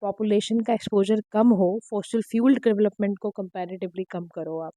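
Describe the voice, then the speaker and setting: A woman teacher, giving an exam-prep lecture in a direct, instructive way, her throat slightly hoarse. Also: medium pitch, steady tone, moderate pace, mellow, no echo. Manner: direct, instructive, mixing Hindi and English. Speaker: current affairs teacher.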